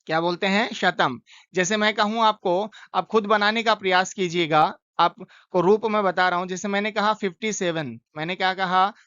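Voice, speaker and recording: A man's voice: sits high, fairly even intonation, pushed and bright, smooth, no room sound, lo-fi sound. A man teaching Sanskrit numbers, asking questions and answering them himself, repeating each word for pupils to follow. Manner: slow, deliberate recitation. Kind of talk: classroom lesson, drilling numbers.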